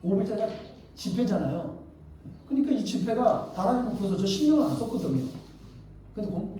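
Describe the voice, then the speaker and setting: High, dark-toned man preaching in an echoey hall. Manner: storytelling, quoting others in dialogue. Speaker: pastor. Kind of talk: sermon testimony. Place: church hall. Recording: very echoey hall, distant mic, faint hiss.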